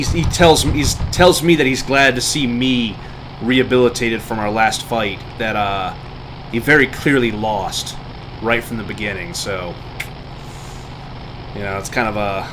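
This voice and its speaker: A man livestreams a game while giving casual live commentary in a fairly low voice at a moderate pace. Game engine noise and vehicle sounds from the game run behind him.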